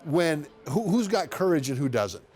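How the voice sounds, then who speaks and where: A man, a former player working as a studio analyst, telling a measured story from his playing days. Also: on the high side, sing-song, a little mellow, soft background music. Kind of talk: studio sports talk.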